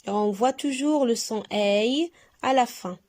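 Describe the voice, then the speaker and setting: A woman teaching young pupils to read, stretching out each sound and syllable slowly and clearly so they can repeat after her. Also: on the high side, darkish tone. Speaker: primary school French teacher. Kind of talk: recorded reading lesson for young pupils.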